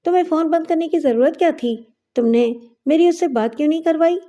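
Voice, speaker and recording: A woman's voice: sits high, dark tone, pitched above the performer's own voice, close to an everyday voice. A woman voicing an anxious, loving middle-aged mother who pleads with emotion in a raised voice. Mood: upset.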